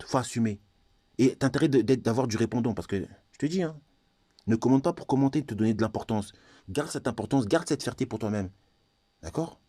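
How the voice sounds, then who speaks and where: Man, insistent and repetitive ranting vlogger, low warm tone, dead-dry room. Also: dry recording. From Congo. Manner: heated, insistent, repeats phrases, often talks straight to viewers. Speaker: YouTuber. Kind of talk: ranting monologue to camera.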